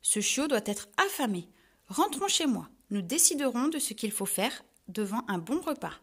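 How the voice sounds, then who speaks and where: Barbie, bright eager young woman, read by a woman. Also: fairly high pitch, sing-song, moderate pace, breathy edge, heavily acted. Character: cheerful young woman, caring dog owner. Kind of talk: storybook reading.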